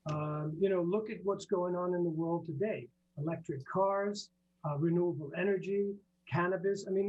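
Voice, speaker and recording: A high-pitched man from Iceland speaks in halting bursts, full of fillers and restarts. His voice comes through a dull, muffled remote line with a faint hum underneath. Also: darkish tone. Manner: halting, repeats words, many fillers. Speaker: guest, business professor. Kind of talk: interview answers.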